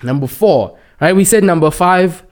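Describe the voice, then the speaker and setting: A man's voice: sits high, lively intonation, moderate pace. A young man hosting a casual podcast, bantering in London roadman-style slang and repeating words for emphasis. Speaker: podcast host.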